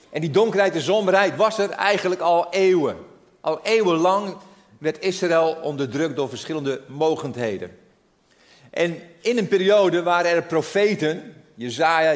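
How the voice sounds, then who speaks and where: A man preaching a sermon as pastor, earnest and with frequent restarts on his words. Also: on the high side. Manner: earnest, repeats words when starting sentences.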